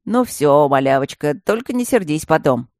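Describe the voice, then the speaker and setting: Big rowdy student guy read by a woman, dark booming voice, audiobook. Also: expressive, normal speed, no echo, studio quality. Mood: teasing. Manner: booming, mock-threatening. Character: big burly young male student, rowdy, teasing.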